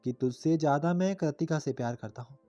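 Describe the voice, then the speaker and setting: A man voicing an affectionate but hurt older brother, speaking quietly. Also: a little high, brisk, highs cut off, faint music behind, lightly acted.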